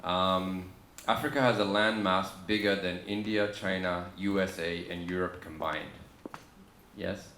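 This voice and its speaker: A man with an Australian accent speaking on a conference panel, relaxed and halting with many ums and restarts. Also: low-pitched, slight background noise. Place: conference room. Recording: echoey conference room with faint ambience.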